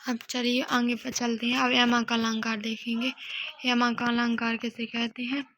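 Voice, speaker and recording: A woman's voice: fairly high pitch, completely flat delivery, moderate pace, fairly bright tone. A woman teaching a Hindi grammar revision lesson, explaining by asking and answering her own questions.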